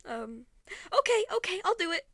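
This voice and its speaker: A woman voicing a panicky, hungover young human who stammers and blurts things out loudly. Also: a little high, moderate pace, no echo. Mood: flustered panic. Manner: loud, flustered, stammering.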